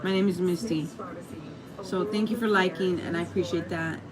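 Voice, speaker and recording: Over a background crowd, this YouTube streamer talks at a moderate pace in a fairly low, fairly even voice. She has a Mexican American accent and meanders through casual chat, greeting viewers and leaning on fillers and restarts, all in noisy livestream sound.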